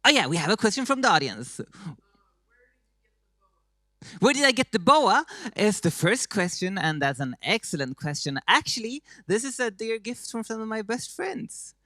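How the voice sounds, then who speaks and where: A performer playing a grand diva persona, reciting spoken-word poetry in a dramatic, declamatory way with drawn-out lines, recorded in their own room. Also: mid-range voice, big pitch swings, fairly bright tone, no room sound, clean studio sound, voice pushed up. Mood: playful. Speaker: slam poetry contestant.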